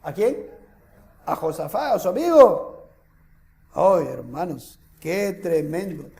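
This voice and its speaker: A man with a Peruvian accent preaching a sermon as pastor, lively and full of rhetorical questions to the congregation. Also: sits high, slow, creaky, echoey room. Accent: Peruvian Spanish. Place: church hall.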